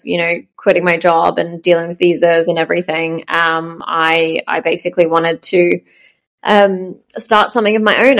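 A woman, a startup founder chatting in an interview, full of ums and soft laughs. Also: fairly low pitch. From Australia. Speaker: startup founder, podcast guest. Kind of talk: casual interview chat.

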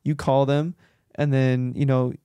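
Smooth-voiced man telling stories on a podcast. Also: mid-range voice, a little slow, dry recording. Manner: animated storyteller who acts out quoted dialogue. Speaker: podcast host and real estate agent. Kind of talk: casual podcast chat.

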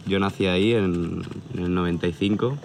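A gravelly, low-voiced man speaking at normal speed: a tattoo artist of about thirty from near Barcelona, Spain. He chats casually and rambles a little, relaxed and hesitant, in an outdoor interview at a hilltop viewpoint at sunset, with crickets, outdoor ambience and slight background noise.

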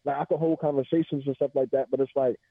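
A man in his twenties calling into a talk show over a bad phone connection that keeps breaking up, talking haltingly and filling his sentences with "like". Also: medium pitch, steady tone, vocal fry. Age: 20s. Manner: halting, fills with "like". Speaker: caller. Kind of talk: casual call-in chat. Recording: tinny broken-up phone line.

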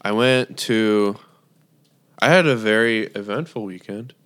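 A man's voice: fairly low pitch, a bit bright. A young man co-hosting a casual podcast from home, hesitant and full of fillers. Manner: slow, hesitant, many fillers. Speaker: podcast co-host. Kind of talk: casual chat. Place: home, remote recording.

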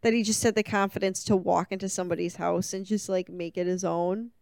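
A woman's voice: mid-range voice, fairly even intonation, gravelly, darkish tone, clear, resonant tone, no echo. A woman co-hosting a casual podcast, reacting to a film with chatty, joking comments. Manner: chatty, quick reactions, jokey asides. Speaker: podcast co-host.

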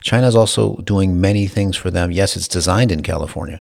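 Deep gravelly man explaining economics. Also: fairly quick, a little mellow. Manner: explanatory, dry humor. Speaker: co-host discussing economics. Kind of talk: casual podcast conversation.

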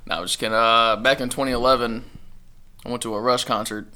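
A young man with a medium-pitched, forceful and bright voice. He chats casually on a podcast in a joking, slangy way. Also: fairly even intonation, fast talker.

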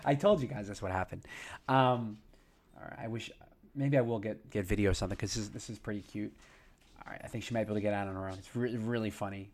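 A man hosting his own podcast, chatting casually and talking fast, with lots of fillers and restarts. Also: on the low side, a little mellow. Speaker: podcast host. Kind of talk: casual solo podcast intro.

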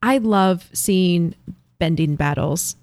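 A woman's voice: lowish voice, slow pace, a little mellow, no room sound. A woman co-hosting a podcast, talking through story moments in an enthusiastic, reflective way. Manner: thoughtful, enthusiastic, laughs often. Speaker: podcast co-host. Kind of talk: casual chat, reflective commentary.

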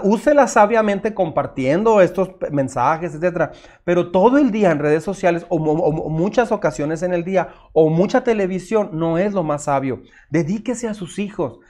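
A middle-aged man, preaching a sermon as pastor in an earnest, direct way. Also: sits high. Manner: earnest, direct, addresses listeners as usted, acts out their objections.

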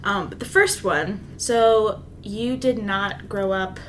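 A woman in her twenties hosting a casual interview podcast, bubbly and quick to react. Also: mid-range voice, a little hiss or hum. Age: 20s. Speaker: podcast host, real estate agent.

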